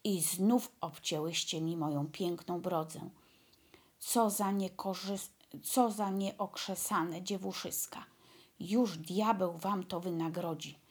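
A woman voicing a rude, greedy old male dwarf who scolds and shouts at two girls in a fairy tale. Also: fairly low pitch, fairly even intonation, measured pace, few pauses, husky. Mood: furious. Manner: snappish, insulting, shouting.

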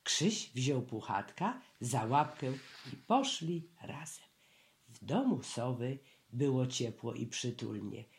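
Unhurried, expressive reader for a children's storybook. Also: mid-range voice. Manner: slow, expressive.

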